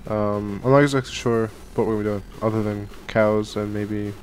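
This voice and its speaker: This is a young male gaming channel host catching a cold, rambling through a casual Minecraft let's play with lots of fillers and restarts from his home gaming room. His voice sits lowish, with fairly even intonation at a moderate pace. There's a little hiss or hum on the headset and studio mic at his desk.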